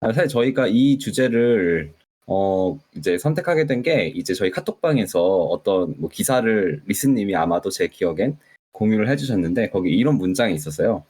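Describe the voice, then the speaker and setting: 억양이 풍부한 낮은 남성 목소리. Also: male voice, fairly low pitch, normal speed, few pauses, husky. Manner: lively, explains at length with many fillers. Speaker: podcast co-host. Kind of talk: casual podcast chat.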